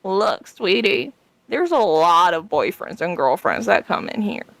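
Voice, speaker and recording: A woman's voice: mid-range voice, big pitch swings, a little slow, vocal fry, fairly bright tone, full character voice. A woman voicing a wrinkled old grandmotherly elf who runs a bar, sassy and blunt, in a tabletop game. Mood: condescending, frank. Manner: grandmotherly, blunt, calls people sweetie.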